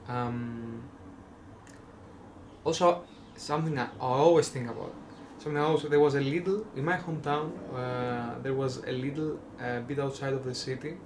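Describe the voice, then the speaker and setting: A young Greek man with a Greek accent rambles casually through a vlog, his mid-range voice slightly mellow at a normal pace. He fills his talk with fillers, restarts himself often, and drops wry jokes. There's slight background noise.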